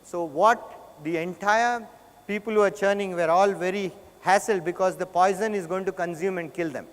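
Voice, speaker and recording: A man with a South Indian accent giving a motivational business talk, conversational, telling stories and putting questions to his listeners. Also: high voice. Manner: conversational, puts rhetorical questions to listeners and checks in with them. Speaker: conference speaker. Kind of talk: motivational business presentation with storytelling. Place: large conference hall. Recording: echoey hall with long reverb.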